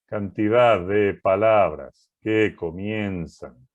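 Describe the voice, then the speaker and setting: Male programming teacher, unhurried delivery, methodical, keeps checking in with the class. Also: on the low side, lo-fi sound. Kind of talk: recorded class walking through code.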